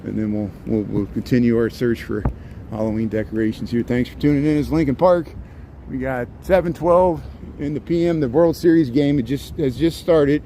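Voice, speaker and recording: Warm in tone and mid-range, this man's voice holds a fairly even intonation at a moderate pace, touched by a slight Cincinnati-Kentucky twang. In his forties and from near Cincinnati in the US Midwest, he offers a rambling, chatty walking-tour commentary on a night-time city street, hamming it up for viewers amid faint street and traffic noise.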